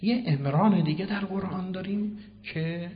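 A man giving a Quran commentary sermon, swinging between hushed and loud declaiming and posing questions he then answers himself. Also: high-pitched. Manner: asks and answers his own questions. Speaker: preacher. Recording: reverberant hall, dull lo-fi sound.

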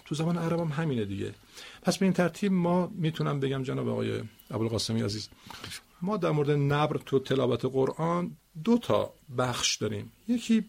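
Gravelly-voiced man explaining slowly. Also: mid-range voice. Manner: deliberate, explaining with spoken examples. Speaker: Quran recitation teacher. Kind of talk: explanatory talk on word stress.

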